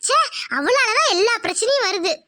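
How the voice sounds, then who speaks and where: A woman voicing a bold, protective young village woman in a cartoon, in bossy, reassuring rustic speech, with a pitched-up voice. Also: animated, fairly quick, sharp tone, heavily acted.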